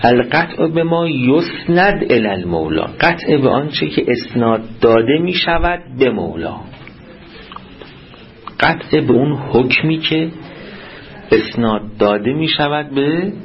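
Very animated and mid-range in pitch, this man teaches seminary students jurisprudence by reading Arabic passages aloud, explaining them in Persian, and regularly quizzing the class. The recording's highs are cut off.

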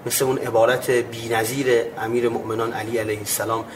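A man preaching on everyday morals at a middle pitch. He explains his point in earnest tones and acts out short back-and-forth dialogues to show it. A faint hiss sits under his voice. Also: little pitch movement. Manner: acts out imagined dialogues with listeners. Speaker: religious speaker. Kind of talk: religious ethics talk.

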